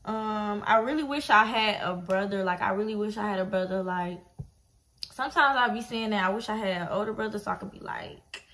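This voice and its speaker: Brisk and a bit bright, a woman's medium-pitched voice carries a casual, slangy, blunt vlog. She is twenty-one, comes from Detroit, Michigan, USA, and films herself in a small indoor bedroom with a laid-back attitude.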